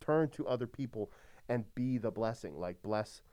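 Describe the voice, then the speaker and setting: Easygoing priest with a smooth, resonant voice. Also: male voice, medium pitch, expressive, normal speed, dark tone. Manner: easygoing, heavy use of "like" and "you know". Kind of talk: casual podcast chat.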